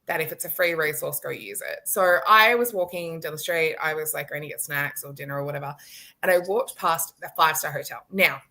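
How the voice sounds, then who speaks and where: A woman in her late thirties with a low-set, bright, forceful voice, telling a personal story over a video call. She talks animatedly, laughs often and acts out what people said. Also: brisk. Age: late 30s. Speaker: guest. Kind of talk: storytelling in a live-stream chat.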